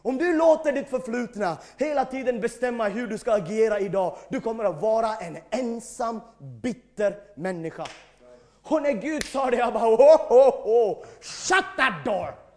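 High-voiced emphatic male preacher. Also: expressive. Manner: emphatic preaching, swings between shouting and quiet. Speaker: pastor. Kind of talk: sermon.

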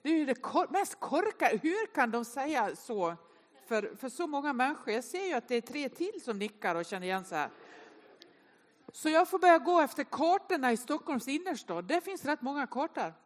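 A woman, telling self-mocking stories in an animated way during a humorous Sunday sermon to a congregation. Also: sits high. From inland northern Sweden. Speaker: speaker at a Sunday service. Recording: long reverb of a large hall.

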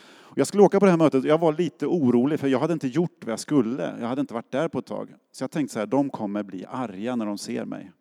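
A middle-aged Swedish pastor preaches a sermon in a casual storytelling style, acting out quotes. His mid-range voice is warm and creaky, and a long hall reverb surrounds it.

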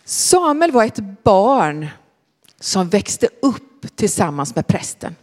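A woman telling a Bible story to children in a large hall, often asking them questions. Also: mid-range voice. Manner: animated, questioning the listeners.

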